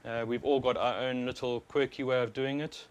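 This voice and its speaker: His voice sits in the mid-range and moves at a moderate pace, though the high frequencies are cut off. He's a South African-accented livestream host and overclocker giving casual, informal, explanatory commentary through a wireless worn microphone, with clear audio over steady background noise.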